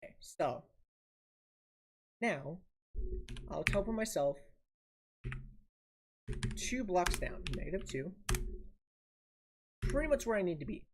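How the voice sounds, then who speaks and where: A woman's voice: lowish voice, expressive, slow pace, pauses often, background noise. A woman streaming a building game, casually thinking aloud and muttering each step to herself. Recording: audible keyboard typing and clicks.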